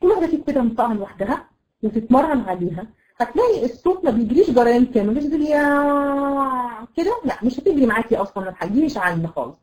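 An Egyptian woman teaching a tajweed lesson online to women students, explaining patiently and demonstrating letter sounds slowly. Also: a little high, big pitch swings, darkish tone, low-quality recording. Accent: Egyptian Arabic. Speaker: Quran recitation teacher.

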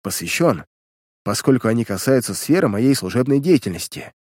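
A man's voice: mid-range voice, very animated, normal speed, darkish tone, dry recording, clean studio sound. A man voicing a captured male spy who answers an interrogator tersely and reluctantly. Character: captured male spy, proud but broken.

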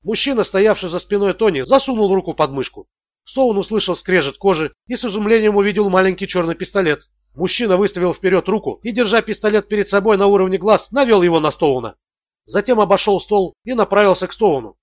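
Man narrating a thriller audiobook, high voice, dry, slightly muffled recording. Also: animated, fast talker, no room sound.

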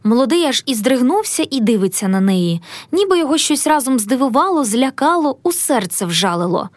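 A woman narrating a classic story for an audiobook in an expressive storytelling manner. Her voice is high and very lively in pitch. The recording is dry and close. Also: brisk, no echo. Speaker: audiobook reader.

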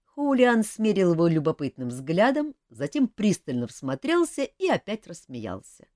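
Woman narrator reading a novel, super expressive pitch, dry mic. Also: normal speed, dry recording. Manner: animated, acting out dialogue. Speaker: audiobook narrator.

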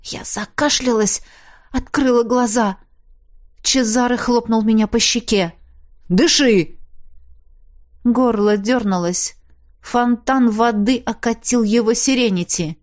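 A woman reading a first-person audiobook in a measured, expressive storytelling manner. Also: a little high. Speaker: audiobook narrator.

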